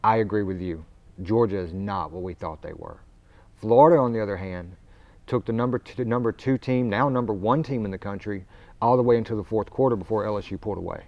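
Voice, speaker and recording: Give me an opinionated man in casual sports talk, low-pitched and on dull audio. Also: brisk. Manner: opinionated, sets up questions. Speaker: sports show co-host.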